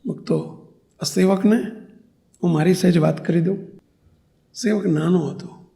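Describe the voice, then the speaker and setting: A monk delivers a sermon as a story, close and intimate. His voice sits high for a man and carries a gravelly rasp. He slips into the people of his stories as he talks. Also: fairly even intonation, measured pace, warm tone. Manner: narrates intimately, acting out dialogue in higher voices.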